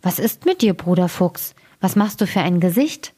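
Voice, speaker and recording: A woman's voice: fairly low pitch, big pitch swings, normal speed, dark tone, breathy edge. A woman voicing a bold, helpful male bear in a storybook animal tale.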